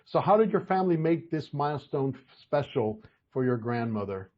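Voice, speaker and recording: A man's voice: mid-range voice, expressive, normal speed. A man chatting casually as co-host of a talk show, in slightly dull sound. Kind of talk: casual interview chat.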